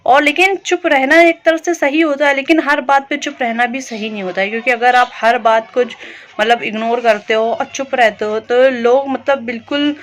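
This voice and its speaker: Young woman, casual home vlogger, slightly high voice, chatty and rambling as she works in the kitchen. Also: fairly even intonation, normal speed. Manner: chatty, rambling, talks while cooking and doing chores. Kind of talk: casual home vlog chat.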